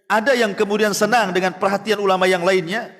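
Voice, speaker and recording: High-voiced man preaching in a hall. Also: a little fast. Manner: animated, acts out voices of the story. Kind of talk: sermon storytelling. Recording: long reverb of a hall.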